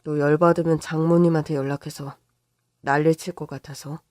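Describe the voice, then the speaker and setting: A woman voicing a weary husband who speaks low and quietly. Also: level tone, normal speed, no room sound, clean studio sound, lightly acted. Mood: subdued.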